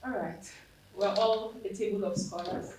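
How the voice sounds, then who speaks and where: A young woman from Nigeria moderating a casual panel discussion in a relaxed, conversational way. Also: mid-range voice, moderate pace. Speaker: roundtable moderator. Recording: roomy, distant, faint background noise.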